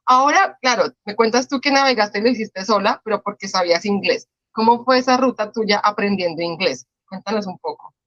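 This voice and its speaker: A woman's voice: mid-range voice, a little fast, a bit bright, no room sound, highs cut off. A woman with a Colombian Spanish accent hosting an interview, talkative and asking follow-up questions. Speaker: podcast host. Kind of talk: conversational interview.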